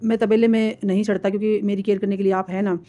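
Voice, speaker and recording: A woman's voice: mid-range voice, little pitch movement, fast talker, mellow, close to an everyday voice. A woman voicing a stubborn, teasing young man in love, who insists on having his way.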